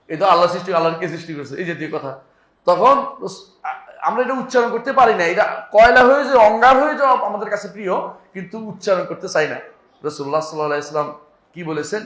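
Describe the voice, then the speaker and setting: A man's voice: high-pitched, rapid-fire, fairly bright tone, echoey room. A male preacher giving a conversational sermon, often asking his listeners rhetorical questions. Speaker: Islamic preacher.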